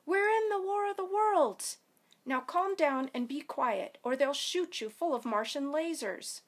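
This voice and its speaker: A woman's voice: fairly high pitch, big pitch swings. A woman voicing a bold, bossy schoolgirl who talks sharply and insistently, reading from a children's novel. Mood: urgent. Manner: sharp and insistent, quick to scold.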